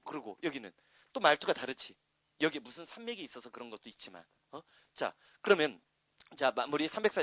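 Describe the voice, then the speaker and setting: A middle-aged man teaching an English grammar class, talking fast and loosely, asking questions and answering them himself. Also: fairly high pitch, dry recording. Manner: lively, talkative, asks and answers his own questions. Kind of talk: classroom lecture.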